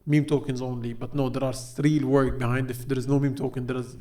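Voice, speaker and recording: A man's voice: medium pitch, flat delivery, fast talker, warm tone. A man hosting a podcast interview, talking loosely and chattily with plenty of fillers and restarts. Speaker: podcast host. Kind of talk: casual interview chat.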